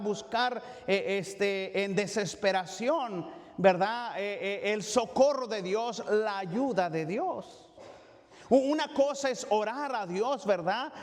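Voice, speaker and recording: A man with a fairly high voice preaching a Bible study in a church, and his words ring out with a long echo. He talks in a halting way, restarts often, fills gaps, and keeps checking in with the congregation. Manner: halting, with frequent fillers and restarts, asking "¿verdad?". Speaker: pastor. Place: church sanctuary.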